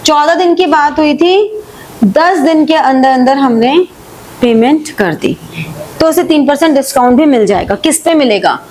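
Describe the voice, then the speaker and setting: Her high, lively voice, slightly mellow, comes through a low-quality recording with some hiss or hum. She's an accountancy teacher running a live online class, working through journal entries one step at a time. After slowly reading the question text, she explains rapidly in mixed Hindi and English, often asking "ठीक है" and other questions to confirm students are following.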